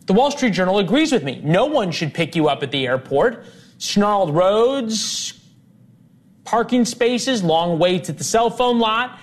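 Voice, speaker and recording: A man hosting a TV talk show in a high voice that keeps bouncing up and down. He is wry and animated, and he jokes as he argues his side. He sounds lively throughout. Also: a little slow. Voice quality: lively and wry, playfully argumentative. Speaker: news show host.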